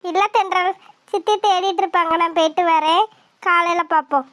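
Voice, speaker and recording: A woman voicing a meek, patient young village woman in a cartoon, who speaks softly and quietly. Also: very high voice, fairly even intonation, brisk. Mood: resigned. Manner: soft, resigned, quiet. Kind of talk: cartoon voice acting.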